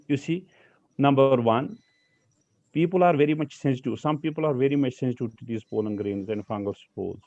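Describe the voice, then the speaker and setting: Halting man lecturing over a video call. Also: mid-range voice, darkish tone, no echo. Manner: halting, many fillers and restarts. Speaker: lecturer on pollen allergy. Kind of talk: online slide lecture. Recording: slightly dull video call audio.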